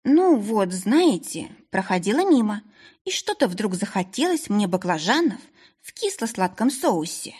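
A woman voicing a flustered grown woman on the run who pleads anxiously in a high, breathless voice. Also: sing-song, unhurried, a little mellow, breathy edge. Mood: pleading.

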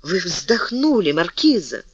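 A man's voice: high-pitched, very animated, a little slow, slightly rough, dry recording, heavily acted. A man voicing a lovesick nobleman who pleads fervently with the woman he loves. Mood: pleading. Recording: dull lo-fi dry recording.

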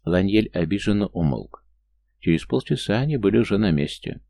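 Deep, gravelly male audiobook narrator. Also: animated, brisk, warm tone. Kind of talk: scripted narration.

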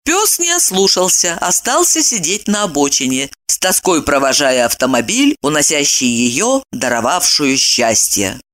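A woman narrating a story aloud, reading in an expressive, dramatic way. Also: sits low, moderate pace, hardly any pauses.

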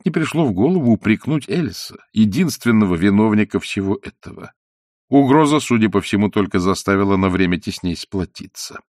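A man narrating a novel as an audiobook in a measured reading. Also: lowish voice, no room sound, clean studio sound. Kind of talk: scripted narration.

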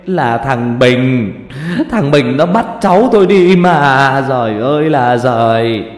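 A man's voice: mid-range voice, lively intonation, slow, voice pushed up. A man voicing the spirit of a ninety-year-old grandmother in a Northern Vietnamese accent, keening shrilly and scolding. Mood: wailing, scolding. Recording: roomy reverb with music.

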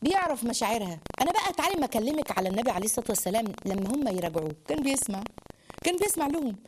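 Rapid animated Egyptian woman lecturer. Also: fairly high pitch, slight background noise. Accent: Egyptian Arabic. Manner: animated, rapid, acts out quotes in dialogue. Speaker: Islamic lecturer. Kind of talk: religious lesson on marriage.

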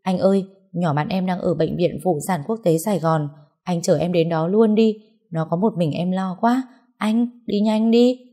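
A woman voicing a flustered, apologetic young best friend who talks in a hurried, stammering way. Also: fairly low pitch, dark tone, natural voice.

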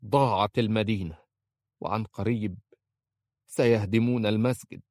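A man's voice: mid-range voice, big pitch swings, normal speed, no room sound, studio quality, lightly acted. A man voicing a weary older uncle who speaks in despair and scolds his niece. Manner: despairing, reproachful.

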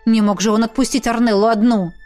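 A woman reads a fantasy novel aloud in a steady, expressive narration. Her voice sits a little high for a woman and carries the story evenly. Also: fast, faint music behind. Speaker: audiobook narrator.

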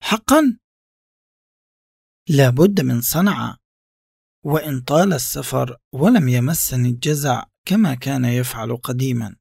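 A man reading a reflective first-person literary text in a measured, contemplative way. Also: mid-range voice, animated, vocal fry, darkish tone, breathy edge, no echo, clean studio sound. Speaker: narrator.

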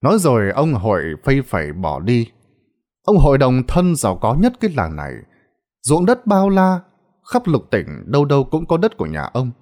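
A man narrating a ghost story in a dramatic, expressive scripted way. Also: medium pitch, moderate pace.

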